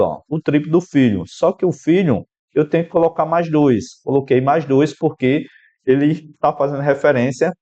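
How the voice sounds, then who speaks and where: A man's slightly high, somewhat mellow voice guides a student through an equation step by step in an exam-prep math lesson. He speaks with a Brazilian Portuguese accent and addresses the student directly. The sound is a little dull and lo-fi.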